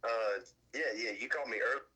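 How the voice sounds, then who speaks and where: A man's voice: medium pitch, steady tone, fast talker, sharp tone, husky, rough recording. A man calling in on a speakerphone, chatting casually in a hesitant, laid-back way. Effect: heard through a speakerphone. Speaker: son calling in by phone. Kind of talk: casual phone chat.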